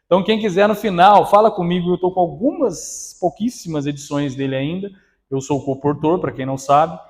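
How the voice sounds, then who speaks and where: A male preacher with a Brazilian accent delivers a sermon in a church. His voice sits fairly high for a man. He mixes storytelling and prayer with casual, conversational asides to the congregation. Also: fairly even intonation, brisk, darkish tone. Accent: Brazilian Portuguese.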